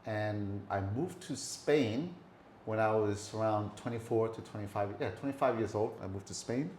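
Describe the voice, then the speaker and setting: A woman's voice: a bass voice, normal speed, darkish tone. New York-accented woman podcast host, casual, faint noise behind. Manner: loose and talkative, repeats words. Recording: echoey room with faint background noise.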